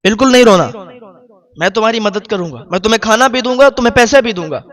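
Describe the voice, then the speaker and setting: A man's voice: high-pitched, lively intonation, a bit bright. A man voicing a kind stranger who earnestly comforts a crying man and promises help. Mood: comforting. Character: kind, protective male stranger.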